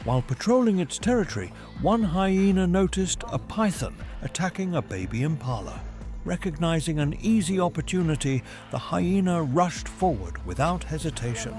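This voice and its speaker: A man reads scripted nature documentary narration in a measured, formal storytelling manner. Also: fairly high pitch, very animated. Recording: music behind the voice. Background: background music.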